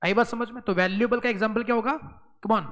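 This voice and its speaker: A man's voice: high-pitched, steady tone, fast talker, fairly bright tone, long reverb tail, rough recording. Man drilling students with rhetorical questions. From Maharashtra, India. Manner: switches between Hindi and English; playful, teasing. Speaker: accounting exam tutor. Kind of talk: classroom lecture.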